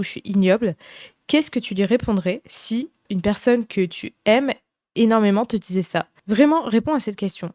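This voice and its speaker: A young woman hosting a podcast, giving gentle, earnest advice in a casual way, with many fillers and restarts. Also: mid-range voice, no echo, studio quality. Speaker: podcast host.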